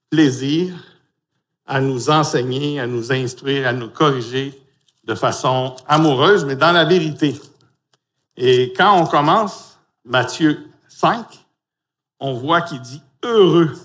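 A man's voice: medium pitch, fairly bright tone. A man with a Québécois French accent, a pastor giving a sermon and talking playfully and informally to the children. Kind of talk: sermon with a children's sing-along.

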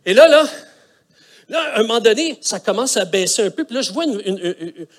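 A middle-aged man with a Quebec French accent preaches through a story. His voice sits high and swings widely. He talks colloquially and adds vocal sound effects. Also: expressive, a little fast. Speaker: pastor. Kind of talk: storytelling sermon.

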